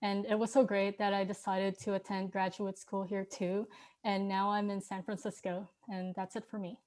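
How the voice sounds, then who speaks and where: A young woman from Manila, Philippines, a graduate student, gives a brief, warm self-introduction on a video call. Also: mid-range voice, level tone, moderate pace.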